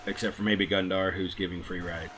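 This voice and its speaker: A game master calmly sets the scene and calls for dice rolls in a relaxed, explaining way. His voice sits low, and a clear hiss runs under the recording. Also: a little fast. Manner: relaxed, instructive, with fillers. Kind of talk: narrating a tabletop game. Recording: noisy home mic.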